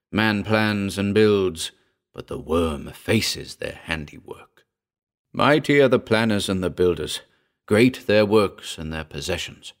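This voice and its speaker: A fanatical worm-cult priest, voiced by a man, chants a fervent litany in a horror storybook reading. The voice is deep and the delivery slow and declaiming.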